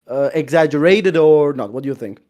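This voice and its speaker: A man's voice: fairly high pitch, expressive, a little fast, mellow. A man chatting casually, asking questions bluntly and repeating phrases for emphasis.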